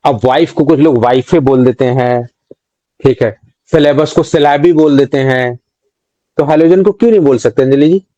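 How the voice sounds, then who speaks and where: A man's voice: medium pitch, normal speed, dark tone, no room sound, lo-fi sound. A man with an Indian accent teaching an online exam-prep class, quizzing students, reading out their answers and mixing English terms into his talk. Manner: reads out student names and answers, scolds jokingly. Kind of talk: live online quiz class.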